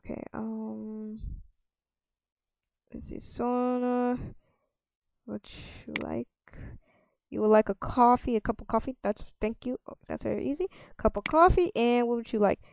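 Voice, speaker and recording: A woman role-playing a cafe server in a game, chatting with customers and thinking out loud with lots of ums. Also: a little high, a little slow, vocal fry, no echo. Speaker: player running a cafe. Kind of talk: casual game role-play.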